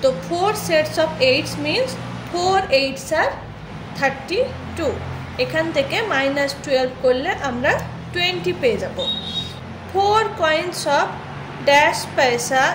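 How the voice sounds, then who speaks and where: A woman teacher working through a children's math worksheet, slowly reading each question in English, then explaining the answer in Bengali. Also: high-pitched, animated, reverberant, background noise.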